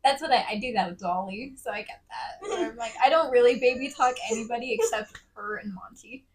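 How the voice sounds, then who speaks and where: A young woman co-hosting a podcast in casual chat, easygoing, laughing along and trailing off softly. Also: on the high side, animated, brisk, rough recording. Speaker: podcast co-host.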